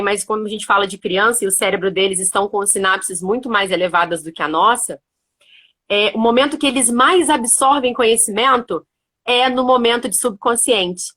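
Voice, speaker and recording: A woman's voice: medium pitch, a bit bright. A woman hosting a casual chat on parenting, explaining her points in a thoughtful way and often checking in with "né?". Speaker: host.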